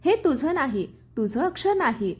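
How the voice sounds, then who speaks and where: During a story reading, a woman with a high, sing-song voice and a moderate pace plays a young husband who is firm and protective. She delivers his lines sternly, in a firm, earnest way.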